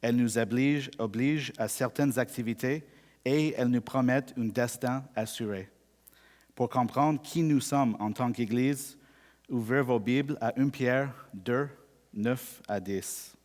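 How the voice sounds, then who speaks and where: A Canadian man, a native English speaker, preaches a sermon with measured, deliberate speech, slowing further when he reads scripture. His voice is medium-pitched with a darkish tone, and the sound fills a big room.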